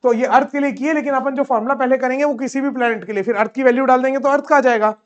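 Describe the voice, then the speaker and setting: A man teaching a physics lesson in Hindi mixed with English terms. He keeps asking questions and answering them himself, and he slows right down when dictating. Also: very high voice, steady tone, muffled recording. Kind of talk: classroom physics lecture.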